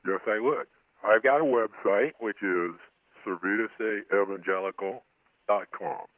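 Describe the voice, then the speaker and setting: Disguised deep male voice, sharp and forceful. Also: unhurried, no echo, rough recording. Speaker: guest, pseudonymous author. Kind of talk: interview answers, explanatory.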